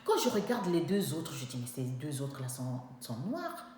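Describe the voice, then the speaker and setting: A young woman tells a personal story in an animated, emphatic way, acting out what people said. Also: sits low, moderate pace. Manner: animated, emphatic, acts out dialogue. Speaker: vlogger telling a personal story. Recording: very echoey room with faint background noise.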